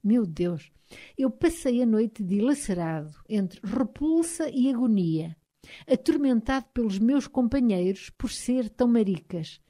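A woman with a European Portuguese accent voicing an angry, proud young Highland husband, speaking emphatically with a raised voice. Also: animated, unhurried, mellow. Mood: heated.

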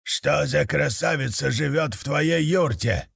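A man putting on a gravelly, bellowing khan. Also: fairly high pitch, a bit bright, no echo, clean studio sound, voice pushed up, exaggerated voice. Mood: commanding. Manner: slow, bellowing commands. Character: domineering, greedy male khan.

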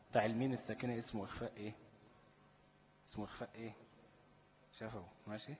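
The big-room sound carries a man's lowish, slightly mellow voice as he teaches tajweed with an Egyptian accent. He poses questions for his students to answer and elongates the recited examples.

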